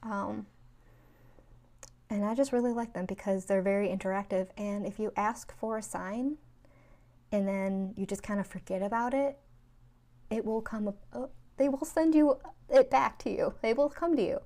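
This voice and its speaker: A woman's voice: mid-range voice, moderate pace, mellow. A woman from New York telling stories in a casual, rambling way, full of fillers, as a spiritual vlogger. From New York, USA. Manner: chatty, rambling, with many 'like' and 'um' fillers. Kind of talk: casual storytelling.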